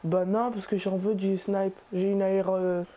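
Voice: mid-range voice, flat delivery, unhurried, warm tone, low-quality recording. A young gamer bantering casually and bossily in French suburban street slang during a game. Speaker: video game player recording gameplay.

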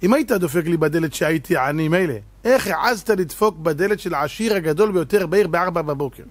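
A man's voice: on the high side, dry recording, lightly acted. A man voicing a poor man turned suddenly rich, indignant and haughty, scolding.

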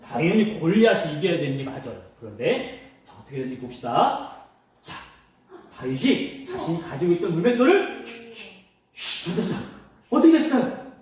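Lively high-voiced pastor in an echoey room. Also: male voice, a little fast, distant mic, slight background noise. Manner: animated, question-asking storyteller with sound effects. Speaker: children's pastor. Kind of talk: children's sermon storytelling. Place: church room.

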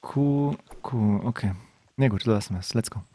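A man streaming a game live, chatting to viewers and breaking into excited shouts, dropping to a hushed mutter when he sneaks. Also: fairly low pitch, measured pace. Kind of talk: live gameplay commentary. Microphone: desk microphone.

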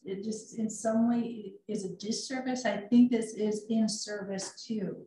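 A woman's voice: medium pitch, darkish tone, recorded from a distance. A woman in her fifties, a council member thinking aloud in a meeting discussion. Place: council chamber. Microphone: desk microphone. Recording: echoey chamber.

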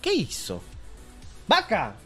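A man's voice: sits high, wildly swooping pitch, slow pace, music in the background. A man with an Argentine Spanish accent hosting a casual news commentary show, opinionated and profane. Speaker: show host.

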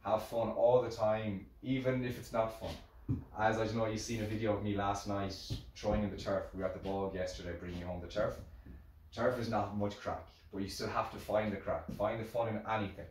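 A man's voice: fairly low pitch, flat delivery, a little fast, a little mellow. A middle-aged man with an Irish accent giving a casual, rambling motivational talk to camera, repeating phrases for emphasis. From Ireland. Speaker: musical instrument maker sharing lessons learnt. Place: hard-surfaced workshop room, indoors. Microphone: camera a few metres away. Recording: very echoey room, distant microphone, music.

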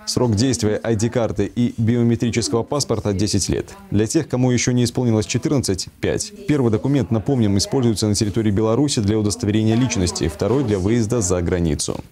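Male anchor, fast scripted newsread, warm dark tone. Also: on the low side. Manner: brisk, even newsreader delivery. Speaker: news anchor. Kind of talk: scripted news reading.

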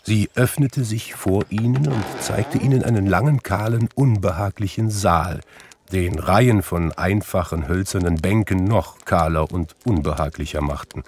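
A man reading a classic Christmas tale aloud in slow, measured narration. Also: low-pitched, darkish tone, slight background noise. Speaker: storybook reader. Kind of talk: audiobook narration.

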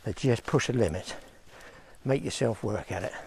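A man's voice: on the low side, expressive, moderate pace, a little mellow, a little hiss or hum. A man vlogging outdoors by a lake, chatting straight to his viewers as he fishes. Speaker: fishing vlogger. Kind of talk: casual outdoor commentary.

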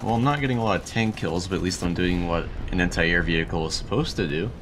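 Young male gaming host, lowish voice, dry and wry, faint hiss behind. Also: quick pace. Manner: dry, wry, laughs often. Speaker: gaming YouTuber. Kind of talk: casual gameplay commentary.

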